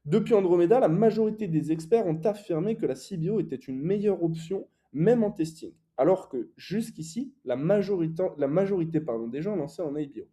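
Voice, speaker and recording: A man's voice: sits high, lively intonation, a little fast, few pauses, warm tone. A young man teaching online advertising in a casual, explanatory way, with frequent fillers and self-corrections. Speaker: e-commerce ads coach.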